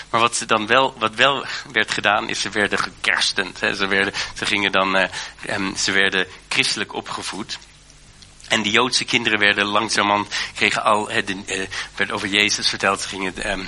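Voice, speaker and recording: A man's voice: fairly low pitch, sharp tone. A man preaching a sermon in an earnest way, with many fillers and restarts.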